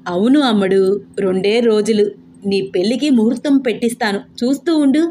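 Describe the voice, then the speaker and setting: A woman's voice: fairly high pitch, fairly quick, a little hiss or hum, lightly acted. Woman voicing a bossy scolding old grandmother. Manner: sharp, commanding, scolding.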